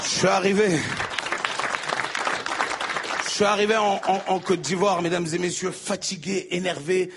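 Animated comedian on stage. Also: male voice, high-pitched, unhurried, long pauses, a faint crowd. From Ivory Coast. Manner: animated storytelling, mimicking voices. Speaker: stand-up comedian. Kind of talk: stand-up comedy set. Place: stage before a live audience. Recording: live set with audience noise.

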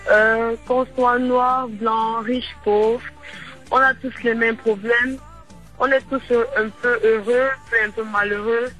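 A Cameroonian woman with a foreign accent in her French speaks as a radio guest. Her voice is very bright and fairly even in pitch. She feels her way through answers, repeating and rewording, with faint music behind her. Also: highs cut off. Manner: halting, repetitive French with rephrasing. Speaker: guest singer.

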